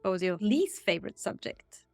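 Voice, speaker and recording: A woman hosting a podcast, reading set interview questions in a steady, bright tone. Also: medium pitch, normal speed, creaky, no echo, soft background music. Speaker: podcast host. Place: Stockholm.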